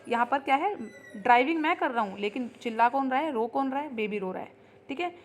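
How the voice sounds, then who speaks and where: A woman teaching English grammar in an online lesson. She explains in Hindi, reads the English example sentences slowly and keeps checking in with her students. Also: high-pitched, animated, faint music behind. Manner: repeats ठीक है as a check-in.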